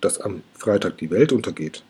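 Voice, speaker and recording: A small, very learned male dragon who explains things calmly and precisely, as a man reads him aloud. The voice is warm and dark, with a strong breathy husk. It suits a children's storybook. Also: lowish voice, moderate pace.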